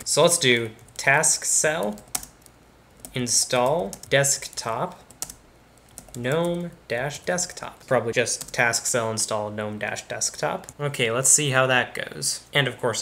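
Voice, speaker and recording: In an unhurried tutorial recorded on screen, a young tech-channel host talks casually through installing a computer, one step at a time. His medium-pitched voice is bright and forceful, with some vocal fry, and he sits in a bedroom studio with computer screens behind him.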